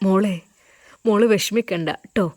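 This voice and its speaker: Soft-spoken caring young man in a storybook, dry close voice, read by a woman. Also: medium pitch, normal speed, dry recording, close to an everyday voice. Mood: gentle. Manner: gentle, soothing.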